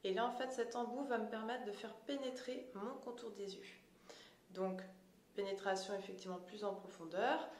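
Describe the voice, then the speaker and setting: A woman talks through a skincare product demonstration and explains each step plainly to the viewer. Her voice sits at an ordinary pitch. The room gives her voice a noticeable echo, and a faint ambient noise runs underneath. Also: steady tone, moderate pace. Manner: explanatory, addresses viewers directly. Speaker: beauty product seller.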